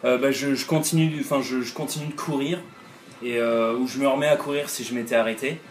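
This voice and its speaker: A man's voice: mid-range voice, fairly even intonation, brisk. A man playing in a tabletop game, stammering and repeating words as he searches for them. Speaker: player. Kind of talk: tabletop role-play. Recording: roomy echo, faint music.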